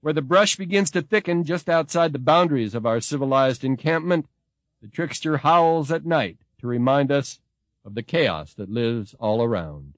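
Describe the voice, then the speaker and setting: A man giving a measured, expressive scripted narration as a narrator. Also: medium pitch, dry recording.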